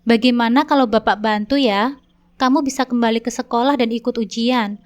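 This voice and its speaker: A woman with a fairly high, near-everyday voice voices a proud old village landlord in a coaxing mood. She speaks fairly quickly with fairly even intonation.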